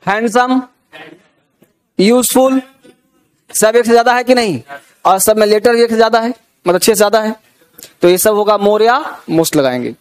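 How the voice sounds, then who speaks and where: Teacher, male, high-pitched, Indian accent, coaxing classroom delivery that keeps checking for understanding. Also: moderate pace, long pauses. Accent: Indian English words in Hindi. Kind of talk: classroom grammar lesson.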